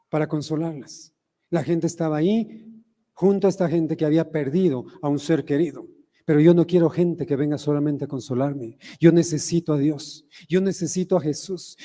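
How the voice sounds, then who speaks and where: A pastor with an Ecuadorian accent preaches a sermon in a high, ringing voice, often turning to ask the congregation questions. His words trail off into the long echo of a church hall. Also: warm tone. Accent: Ecuadorian Spanish. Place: church sanctuary.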